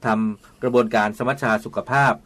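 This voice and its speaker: A man hosting a community radio talk show, polite and quick with short acknowledgments. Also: a bit bright. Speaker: radio host.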